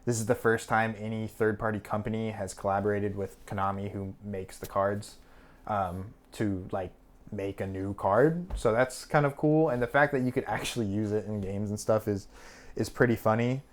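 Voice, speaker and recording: A man's voice: on the low side, moderate pace. A young man co-hosting a podcast, chatting casually and rambling with fillers and restarts. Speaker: podcast co-host. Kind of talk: casual chat.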